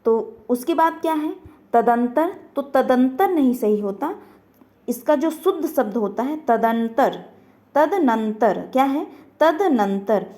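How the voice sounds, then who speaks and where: A woman's voice: high voice, lively intonation, slow, dark tone. A woman teaching an online grammar lesson, asking questions and answering them herself, repeating each word.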